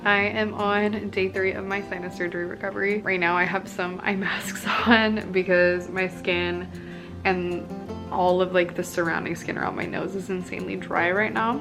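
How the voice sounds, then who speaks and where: A woman's voice: lowish voice, level tone, moderate pace, gravelly, over music. A young woman vlogger chatting casually to camera, with a stuffy, congested nasal voice from a blocked nose after surgery. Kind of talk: casual recovery vlog talk to camera.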